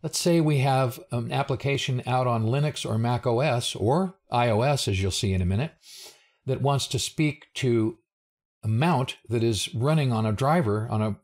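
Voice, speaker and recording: A man's voice: medium pitch, a little mellow. An older man presents a technical briefing in an explanatory, plain-spoken way, with informal asides. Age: older, 60s or above. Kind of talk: explanatory slide presentation narration.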